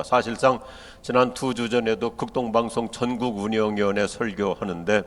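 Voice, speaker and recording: An older man with a Chungcheong Korean accent, preaching a humorous sermon to pastors and telling jokes. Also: fairly low pitch. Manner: joking storyteller, acts out dialect and quotes in lively voices. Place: large church hall. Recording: long hall reverb.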